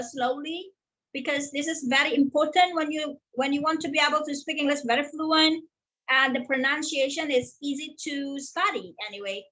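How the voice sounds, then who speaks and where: A woman English teacher with an Indonesian accent, introducing a lesson in a halting way with many fillers. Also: high-pitched, pushed and bright, poor audio.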